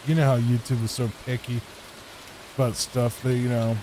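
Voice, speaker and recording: Virginian man, mid-pitched, easygoing rambling game talk for sleep, faint hiss behind. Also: flat delivery, normal speed. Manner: laid-back, rambling. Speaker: gameplay channel host. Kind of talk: soft sleep-aid gameplay commentary. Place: home room, not a booth. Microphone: studio microphone with added EQ.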